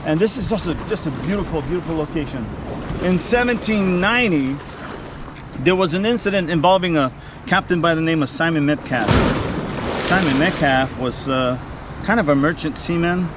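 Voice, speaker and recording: A man telling stories informally as a local guide outdoors by the sea, acting out bits of dialogue with pauses. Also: fairly high pitch. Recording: outdoor wind and boat-like ambient noise.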